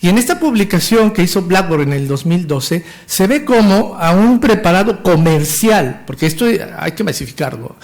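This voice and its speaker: Speaking with a Mexican Spanish accent, a fifties-aged doctor lectures on medicine, his voice high and bright. He's keen and technical, though he sometimes trips on a word, begins it again, and moves on.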